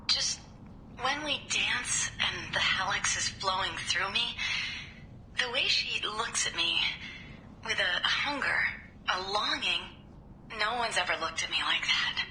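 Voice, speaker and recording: A woman's voice: medium pitch, heavily acted. A woman playing an infatuated, insecure young artist confiding her diary dreamily in a game. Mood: anxious longing. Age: young adult. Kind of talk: game voice acting, recorded diary monologue. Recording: echoey, bright holo-recording with faint noise.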